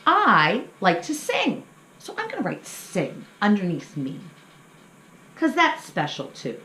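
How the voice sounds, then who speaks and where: This story time host, a middle-aged woman, speaks slowly with a bright, forceful tone and huge swings around her medium pitch. She is leading young kids through a craft, explaining simply and warmly encouraging them. Faint background noise sits under an echoey room sound.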